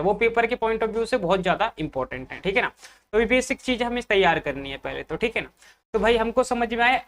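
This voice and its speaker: A man's voice: sits high, a bit bright. Man teaching grammar, constant check-ins. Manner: repetitive checking questions, calls students brother; asks questions then answers them himself. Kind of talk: exam-prep grammar lecture.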